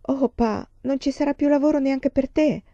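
A woman reading the lines of a fifteen-year-old pioneer girl, a bit higher and plaintive. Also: normal speed, dark tone, no echo, lo-fi sound.

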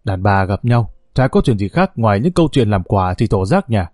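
A gruff old grandfather from an audio story, played by a man, brushing off gossip with a scolding, dismissive manner. The voice sits a bit low, with a dark, mellow tone and a dry, close sound. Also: big pitch swings, normal speed, dry recording.

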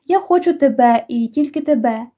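A woman voicing a brooding teenage boy with a soft-spoken, dry manner, reading audiobook dialogue. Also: sits high, lively intonation, normal speed. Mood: tender.

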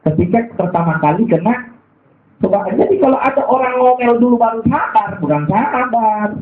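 A man preaching a sermon with a Makassar Indonesian accent, telling stories with lively voiced quotes and humor. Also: very high voice, normal speed, faint music behind. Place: mosque or gathering hall. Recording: echoey hall, thin phone-like sound.

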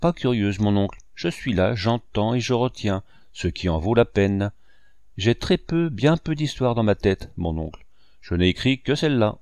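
A man reading a storybook voices a lively, teasing young woman, the niece of a painter, in a raised playful voice. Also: fairly low pitch, moderate pace, smooth, no echo.

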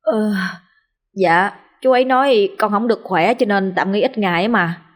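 A woman's voice: mid-range voice, moderate pace, lightly acted. A woman voicing a young man under a ghost's spell who swears oaths and snaps at his mother, in a spoken ghost story. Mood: irritable. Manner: irritable, pleading, rising to panic. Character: young man, sullen and strained, bewitched.

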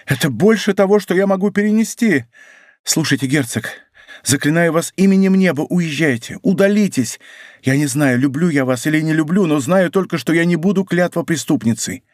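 A man reading the part of a desperate queen, her voice lifted high and trembling with pleas. The tone is anguished and urgent, set in a dry, close studio recording with no room sound. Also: fairly quick, dry recording, close to an everyday voice. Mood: pleading. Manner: anguished, raised pleading voice. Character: Queen Anne of Austria, torn and pleading. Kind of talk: audiobook character reading.

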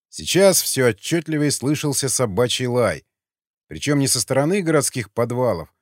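A man's voice: medium pitch, no room sound, studio quality. A man narrating an audiobook with dramatic storytelling.

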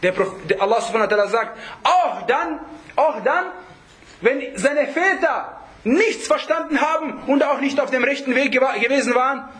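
An Islamic preacher teaches a group in an informal religious lesson, his extremely high voice expressive and a little bright at a moderate pace. He keeps it conversational, constantly checking back with his listeners rhetorically and slipping in Arabic phrases.

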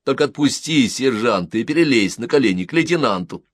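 A man reading the parts of jovial soldiers who tease and coax a child in loud, cheerful voices. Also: medium pitch, expressive, fairly quick, dry recording, studio quality, pitched above the performer's own voice, close to an everyday voice. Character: hearty joking soldiers, adult men.

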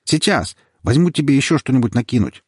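A man voicing a tender husband rescuing his wife, speaking gently and with urgency. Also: deep voice, a little fast, breathy edge, dry recording, clean studio sound. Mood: soothing. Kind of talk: audiobook character voice.

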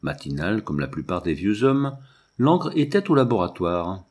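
A man narrating a novel as an audiobook reading, in a measured literary way. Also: sits low, very animated, a little mellow, breathy edge.

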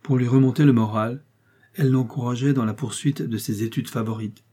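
Dark-voiced male audiobook narrator. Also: medium pitch, steady tone, husky. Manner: measured, literary storytelling. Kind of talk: audiobook reading.

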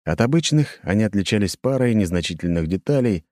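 A male narrator reads an audiobook in an even, measured way. His voice is very deep and warm, and it sits close and dry. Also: dry recording.

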